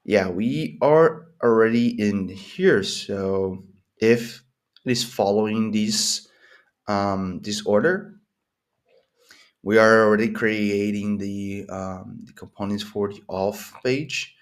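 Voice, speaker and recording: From a desk in his home office, a coding vlogger in his thirties gives casual live commentary on screen-recorded coding. His voice is lowish, steady and slow, and his native language is Portuguese or Spanish, not English. He rambles and restarts often, thinking aloud with many fillers.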